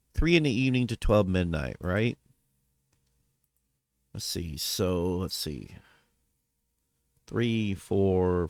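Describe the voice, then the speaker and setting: A man's voice: low voice, darkish tone, dry recording, studio quality. A man talking casually in a personal vlog update, rambling, trailing off and correcting himself as he goes. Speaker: vlogger.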